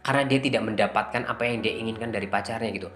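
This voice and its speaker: A man from Indonesia narrating his own life story as a confession, candid and halting, with many fillers and restarts. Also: on the low side, a bit bright. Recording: echoey room with music underneath.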